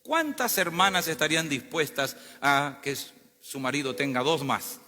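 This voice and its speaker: A man's voice: on the high side, moderate pace, bright, forceful tone. A male pastor preaching a sermon, calling on the congregation to respond and repeat phrases. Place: church sanctuary. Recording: long hall reverb with faint music.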